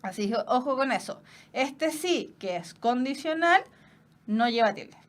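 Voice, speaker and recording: A woman's voice: high voice, expressive, a little slow. A woman with a Chilean accent teaching an online exam-prep class, explaining each point with everyday examples and repeating ideas in other words.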